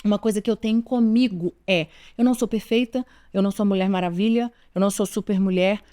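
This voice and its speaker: A woman's voice: medium pitch, fairly even intonation, fast, warm tone, clear, resonant tone. A woman in her forties with a Brazilian Portuguese accent, giving parenting advice straight to her listeners in an earnest, emphatic way, often repeating her key points. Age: 40s. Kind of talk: direct-to-camera advice talk.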